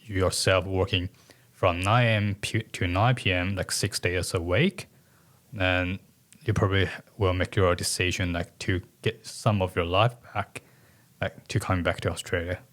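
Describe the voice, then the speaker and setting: A low-pitched man from China talks in casual podcast chat. He sounds relaxed and explanatory, dropping "like" often as he goes. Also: moderate pace. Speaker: senior accountant.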